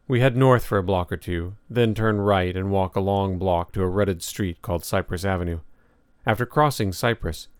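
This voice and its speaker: A man reads nonfiction aloud in a measured, reflective manner. His voice sits very low and is recorded dry and close, with no room around it. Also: clean tone, no room sound. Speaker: narrator. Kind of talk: audiobook narration of nonfiction.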